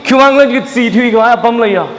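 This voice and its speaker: A man's voice: very high voice, quick pace, fairly bright tone. A man preaching a sermon in a church, dropping English words into his talk. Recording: echoey church hall, mic at a distance.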